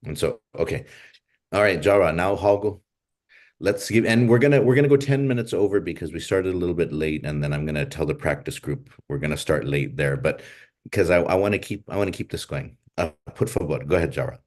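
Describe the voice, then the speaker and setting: A man with a very low voice speaks as the teacher and host of an informal group class. He guides people along in a casual, encouraging manner. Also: a little fast, darkish tone.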